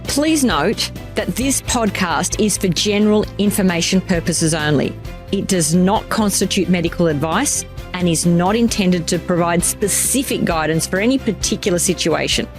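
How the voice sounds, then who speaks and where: A woman with a slightly croaky voice, presenting a scripted health podcast in a measured, explanatory way. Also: fairly low pitch, soft background music. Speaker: podcast host, doctor.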